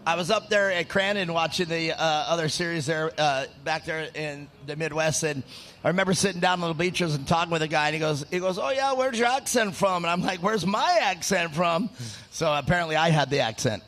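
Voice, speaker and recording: A man with a high voice gives color commentary on a live off-road race. He is chatty and drifts into anecdotes. Faint noise runs behind him. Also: fairly even intonation, fast, fairly bright tone.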